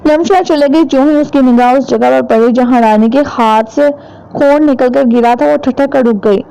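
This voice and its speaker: A woman narrating a horror novel as an audiobook, in steady, measured storytelling. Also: high-pitched, creaky, smooth, rough recording. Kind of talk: dramatic novel reading.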